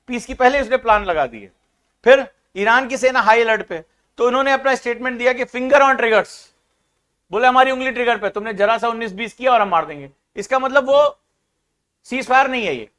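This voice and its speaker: A man giving casual commentary on world affairs, animated and mocking, acting out little scenes as he talks. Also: high voice. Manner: acts out scenes with sound-alike chants. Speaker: political commentator.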